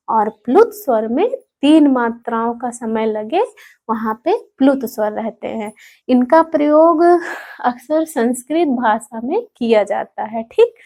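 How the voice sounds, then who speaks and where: A woman teaching a grammar lesson, going slowly, repeating herself, drawing out example sounds and often checking with a rising "okay?". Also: high voice. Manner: slow, repeats points, keeps asking "ठीक?" with a sharp rise. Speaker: Hindi teacher. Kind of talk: classroom-style grammar lesson.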